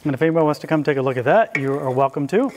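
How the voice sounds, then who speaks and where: A middle-aged chef runs an informal live cooking demo in an indoor hall for a small audience, easygoing and conversational and inviting questions. His voice is on the high side, with lively intonation and a fast delivery, over some background noise.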